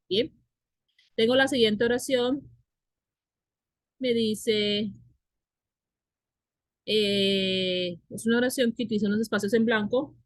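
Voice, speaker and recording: A woman's voice: fairly high pitch, dry recording. A woman whose first language is Spanish, teaching an English class and explaining grammar patiently, repeating and spelling out words.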